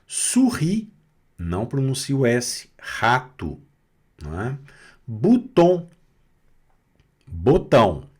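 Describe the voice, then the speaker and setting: Slow, lively Brazilian man teaching French. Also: mid-range voice, husky. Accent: Brazilian Portuguese, Minas Gerais. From Minas Gerais, Brazil. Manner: patient, drawn-out explanations with frequent "né?" and "tá certo?"; playful, joking asides. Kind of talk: online language lesson.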